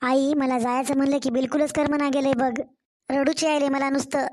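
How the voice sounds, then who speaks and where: A woman's voice: high-pitched, little pitch movement, normal speed, a little mellow, lightly acted. A woman voicing a weary young new mother, complaining and pleading to her own mother in a cartoon story.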